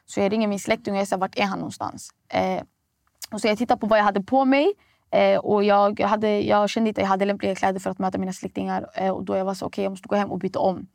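Young woman, gravelly voice, retells events with quoted dialogue. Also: medium pitch, little pitch movement, a little mellow, no room sound, clean studio sound. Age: young adult. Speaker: guest poet. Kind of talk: emotional personal storytelling.

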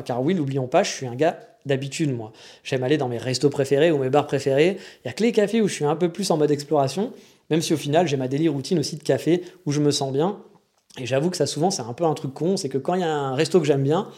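Man, French accent, chatty slangy monologue, quick delivery, fairly high voice. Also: dark tone. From France. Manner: rambling, chatty, frank with slang and swearing. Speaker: vlogger living in Japan. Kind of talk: casual monologue.

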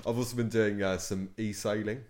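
A man's voice: lowish voice, steady tone, moderate pace, darkish tone. A man co-hosting a casual podcast, blunt and dismissive, swearing a lot as he talks. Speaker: podcast co-host. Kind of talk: casual chat.

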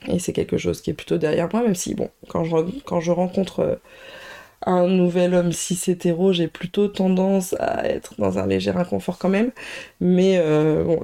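A woman hosts a podcast, recounting her own story in a thoughtful, halting monologue. Her voice has a soft gravelly fry and a warm, darker tone. She pauses often with filler sounds as she gathers her thoughts. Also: on the low side. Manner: reflective, hesitant, with frequent filler sounds. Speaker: podcast host.

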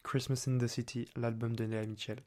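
Young male podcast host, playful and chatty, casual slang, average pitch. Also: level tone, fairly quick, darkish tone. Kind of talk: casual solo podcast chat. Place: apartment.

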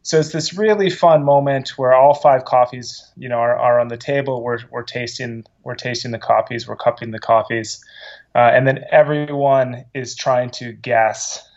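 A man's voice: mid-range voice, steady tone, moderate pace, darkish tone, muffled recording. A man who runs a coffee company, telling stories in an interview with eager restarts. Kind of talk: casual interview answers.

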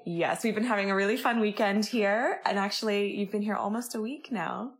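A woman's voice: mid-range voice, a little fast. A woman interviewing two guests in a friendly, chatty way, laughing along. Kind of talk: casual interview.

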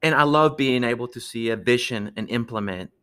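Earnest Peruvian-born man, halting speech. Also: mid-range voice, a bit bright, clean tone. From Peru. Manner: earnest, halting with many restarts. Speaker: guest, architect. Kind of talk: podcast interview.

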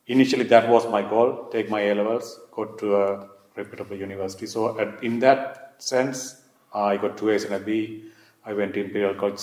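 In an echoey room, a man with a Sri Lankan accent and a lowish, darkish voice recalls his own experiences in an oral history interview. He often repeats his phrases as he tells his personal story.

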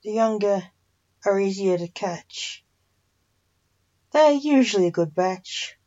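A woman's voice: medium pitch, expressive, takes it slowly, dark tone. A woman voicing an old male vampire-hunting professor, terse and urgent, on a dull lo-fi recording.

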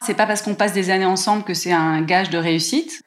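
A woman from France telling a personal story in a lively, emotional way, with many small hesitations. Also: lowish voice, fairly quick. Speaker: guest telling her life story.

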